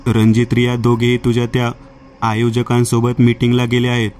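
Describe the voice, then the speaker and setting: A man voicing a caring young wife who gently comforts her husband, in a flat storybook reading. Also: medium pitch, moderate pace, lightly acted. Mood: comforting.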